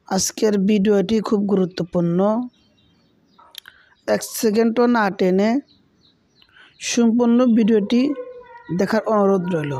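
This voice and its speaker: A man teaching correct Quran recitation, speaking slowly and deliberately and drawing out the sounds he demonstrates. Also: high voice, a little mellow. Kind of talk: tajweed lesson.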